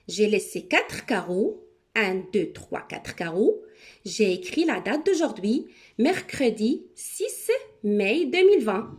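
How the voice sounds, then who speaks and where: A woman teacher giving a recorded handwriting lesson to young children, explaining each step slowly and checking in often. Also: high voice, darkish tone. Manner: slow, step-by-step instructions with frequent check-ins. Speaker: primary school teacher. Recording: echoey room.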